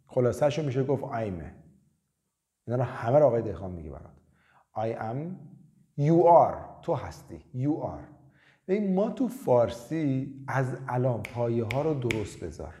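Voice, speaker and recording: A man teaches beginner English in a relaxed, chatty way. His pitch moves a lot as he drills short phrases over and over. His voice is dark and mellow. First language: Persian. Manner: lively, drills phrases with repetition. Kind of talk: casual spoken lesson.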